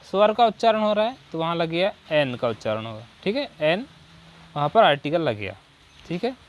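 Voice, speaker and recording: Very animated, this high-voiced male grammar teacher at a coaching class explains English articles in Hindi. He keeps drilling with rhetorical questions and "ठीक है," slowing down to read English example sentences.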